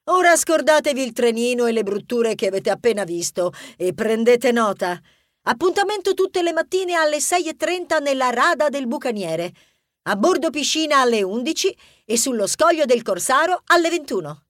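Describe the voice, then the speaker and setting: A man voicing a bossy female pirate rodent who runs fitness classes, shrill and commanding. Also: lively intonation, unhurried, few pauses, a bit bright, no echo, clean studio sound, exaggerated voice. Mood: cordial. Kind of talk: audiobook character voice.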